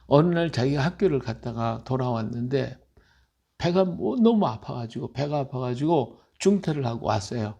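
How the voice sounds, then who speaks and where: A male pastor preaches in an easy, conversational way and leans into his stories with emphasis. His voice sits somewhat high for a man and has a strong gravelly fry. He keeps pausing to ask his listeners whether they follow. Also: mellow. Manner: emphatic, storytelling, asks listeners "right?". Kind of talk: conversational Bible-reading sermon.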